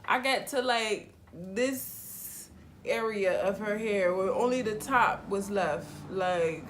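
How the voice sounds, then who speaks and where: A young adult woman hairstylist telling a casual, slangy storytime vlog with animated delivery. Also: mid-range voice, takes it slowly, slight background noise.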